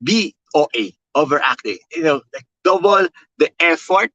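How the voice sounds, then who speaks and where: A content creation coach with a Filipino accent runs a motivational webinar in a loud, emphatic, high-energy voice. He repeats key phrases and keeps checking in with "okay" and "all right." His delivery is animated and at a normal pace, and the sound is lo-fi.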